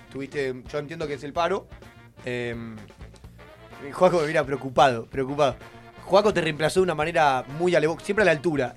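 Loud excitable Argentine young man. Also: a little high. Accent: Argentine Spanish. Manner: loud, excitable, bursts into mock sports commentary. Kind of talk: casual chat.

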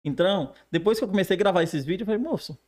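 A man, a teacher, chatting casually on a podcast in a quick, self-deprecating way. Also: sits high, lively intonation, darkish tone. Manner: fast-talking, self-deprecating. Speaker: teacher and new online creator.

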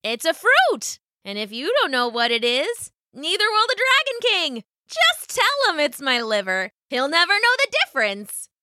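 Woman putting on a squeaky little rabbit girl. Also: normal speed, hardly any pauses, no echo, studio quality, heavily acted. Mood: earnest. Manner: squeaky, excited and pleading. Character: clever young female rabbit, quick-witted.

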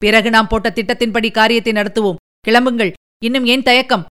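A woman's voice: on the high side, fairly even intonation, a little fast, a bit bright, clean tone, close to an everyday voice. A woman voicing a fiery, impatient young male army commander, speaking in heated, urgent questions.

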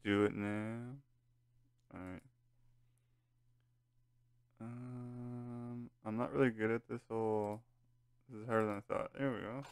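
A man's voice: lowish voice, fairly even intonation, slow pace, pauses often, clear, resonant tone. A man hosting a podcast in casual chat, laid-back and stumbling over his words as he goes. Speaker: podcast host.

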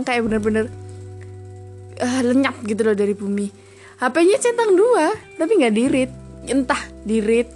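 A young woman chatting casually through a personal story, retelling it lively and slipping English phrases in. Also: on the high side. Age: young adult.

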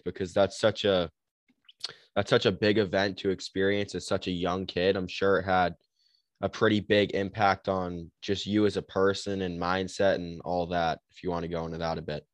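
Male podcast host, smooth clear voice, dry close sound, casual and rambling. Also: deep voice, no echo. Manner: rambling, restarts questions. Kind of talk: casual interview questions.

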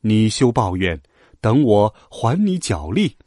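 A man voicing a stern but motherly female bodhisattva in a children's story, speaking slowly and softly. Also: fairly low pitch, big pitch swings, no room sound, studio quality, voice pushed down, exaggerated voice. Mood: stern gentle. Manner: slow, soft, lecturing.

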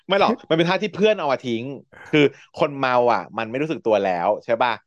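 A podcast host recaps a TV series in a chatty, playful way, laughing often. His voice is on the high side with big pitch swings and a brisk pace, recorded lo-fi with no echo.

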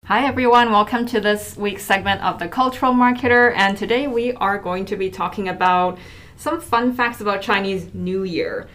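A woman's voice: medium pitch, normal speed, fairly bright tone. Brief: young woman, podcast host, upbeat and chatty, keeps the group talking. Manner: upbeat, leads the talk with questions. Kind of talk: casual podcast chat.

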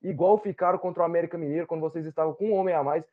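A man, co-hosting a heated football debate show, loud, exasperated and swearing. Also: on the high side, very fast, phone-quality sound, over a noisy crowd.

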